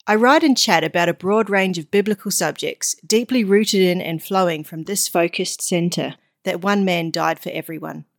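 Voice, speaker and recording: Earnest New Zealand woman, low voice. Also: normal speed, vocal fry, few pauses. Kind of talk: scripted devotional reading.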